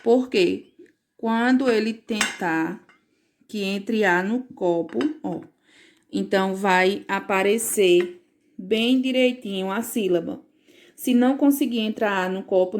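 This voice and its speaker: A woman's voice: mid-range voice, darkish tone. A woman teacher recording a home lesson for parents, patiently explaining and checking in with frequent questions.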